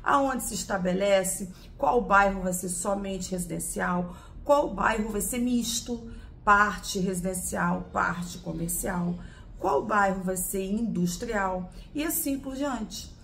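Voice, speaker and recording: Gravelly-voiced woman teaching a lesson. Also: mid-range voice, slow pace, fairly bright tone, a little hiss or hum. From Brazil. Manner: didactic, asks and answers own questions. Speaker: law teacher. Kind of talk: explanatory video lesson.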